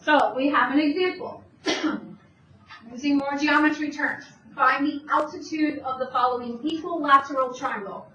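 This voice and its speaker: A woman with a high voice teaches math, going step by step and answering the questions she asks the class. She sounds far from the mic in a roomy space. The recording is dull, with a faint hiss behind her. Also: steady tone, normal speed, pushed and bright. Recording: distant, dull, echoey room with faint noise.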